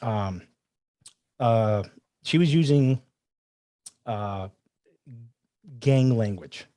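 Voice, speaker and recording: A man with a middle-pitched voice tells a casual story in a lively way, acting out his own thoughts and what others said. The sound is dry and close, with no room echo. He talks like a self-defense trainer sharing a lesson from life. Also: drawn-out words. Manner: animated, quotes himself and others in asides. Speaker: firearms trainer guest.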